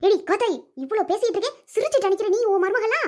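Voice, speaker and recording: A woman voicing an older village mother-in-law in a cartoon, who scolds her family in a rapid-fire, sharp-tongued way. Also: extremely high pitch, lively intonation. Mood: furious. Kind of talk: Tamil village cartoon voice acting.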